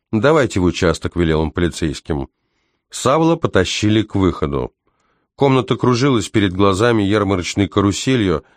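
A man with a low voice reads a story aloud in measured, tense narration. He slows down for the dramatic beats. The recording is dry and close, with no room sound. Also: no echo. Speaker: audiobook narrator. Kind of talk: scripted narration.

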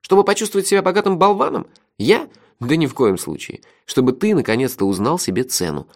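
A man's voice: fairly high pitch, big pitch swings, normal speed, creaky, a bit bright, pitched above the performer's own voice, exaggerated voice. A man voicing a mocking, theatrical young male friend in a fantasy audiobook, speaking in a teasing, exaggerated way. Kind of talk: audiobook character voice.

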